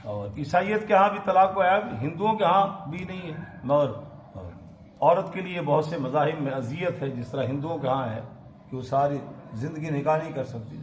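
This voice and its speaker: Echoey mosque preacher reciting and explaining verses. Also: male voice, on the high side. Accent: Pakistani Urdu. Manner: recites Arabic verses then explains, asks the audience questions. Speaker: maulana giving Quran lesson. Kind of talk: mosque sermon, Quran commentary. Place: mosque hall. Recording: echoey mosque hall, faint noise.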